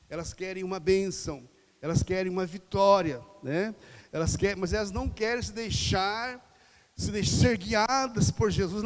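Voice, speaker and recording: A man preaching a sermon in Brazilian Portuguese, conversational, firing off rhetorical questions and acting out voices. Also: sits high. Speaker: pastor. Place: church hall. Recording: reverberant church hall.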